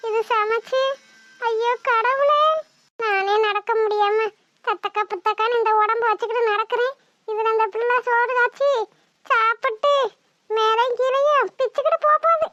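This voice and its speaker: A woman's voice: very high voice, fairly even intonation, moderate pace, a bit bright, muffled recording. A woman voicing a heavy cartoon villager who can barely walk and keeps complaining. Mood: grumbling. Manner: moaning, complaining. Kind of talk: cartoon voice acting.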